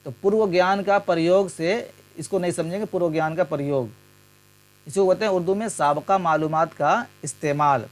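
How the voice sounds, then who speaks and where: A man teaching past exam questions, going through each option in turn and glossing terms with Hindi and English words. His voice sits a little high for a man. A faint mains hum runs under the recording. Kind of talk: explanatory exam lesson.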